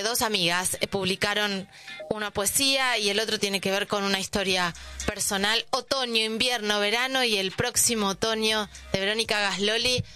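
Bright-voiced Argentine woman hosting radio. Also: medium pitch. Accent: Argentine Rioplatense. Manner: reflective, informal, searching for words. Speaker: radio host. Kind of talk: conversational radio talk. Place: radio studio.

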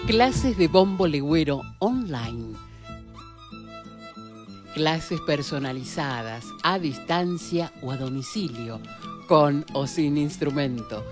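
A woman radio announcer reading promos in a drawn-out, sing-song manner. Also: low-pitched, expressive, music in the background.

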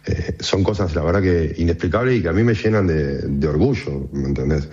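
Argentine man, low and warm, chatty radio guest, lo-fi sound. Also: a little fast. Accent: Argentine Spanish. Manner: relaxed, conversational, frequent fillers. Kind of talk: radio interview.

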